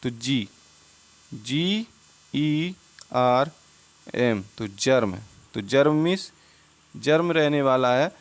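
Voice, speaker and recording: A man's voice: medium pitch, expressive, takes it slowly, long pauses. A man teaching an English spelling lesson in Hindi over slides, who keeps asking questions and answering them himself and repeats each word.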